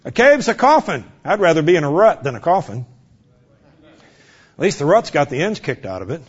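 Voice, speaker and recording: High-voiced emphatic preacher man, lo-fi recording. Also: sing-song, fairly quick, slightly rough. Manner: emphatic, swings from loud exhortation to hushed near-whisper. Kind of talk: sermon. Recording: dull lo-fi recording.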